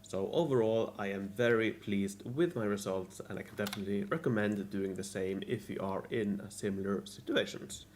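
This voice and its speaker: A man's voice: on the low side, a little fast, few pauses, a little mellow, a little hiss or hum. A man narrating a scripted recap of his strategy game week, restarting and repeating his lines. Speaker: gaming video creator.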